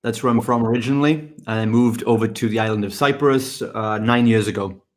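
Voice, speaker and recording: A middle-aged man from the UK, talking in an upbeat, energetic way as a guest on a podcast interview. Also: on the low side. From United Kingdom. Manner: energetic, upbeat, quick answers. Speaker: guest, fitness business mentor.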